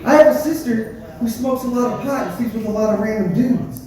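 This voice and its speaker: Male stand-up comic, very high voice, profane dark joking, chatty storytelling, heavily echoing room with audience. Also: a little fast. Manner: conversational storytelling, addresses the crowd directly. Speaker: stand-up comedian. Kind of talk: live stand-up comedy routine. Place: live comedy show with audience, echoey room. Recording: echoey room, distant mic, audience noise.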